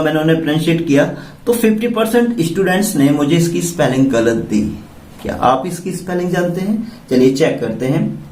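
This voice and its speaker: A man's voice: a little high, darkish tone. A man with an Indian accent teaching English vocabulary, spelling words out letter by letter and asking the class questions. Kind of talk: classroom-style vocabulary lesson. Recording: echoey room, mic at a distance.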